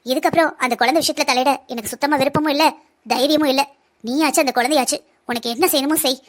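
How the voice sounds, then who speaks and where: A defiant young cartoon woman who taunts people and talks back, as a woman voices her. She speaks quickly in a high, sharp voice. Her tone is arrogant and sure of herself. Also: fairly even intonation, lightly acted. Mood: taunting. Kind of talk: Tamil cartoon voice acting.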